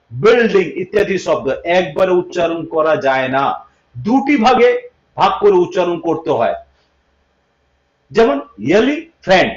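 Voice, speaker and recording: A male English teacher giving a livestream lesson, repeating each point and checking that students understand. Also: high voice. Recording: echoey room, dull lo-fi sound.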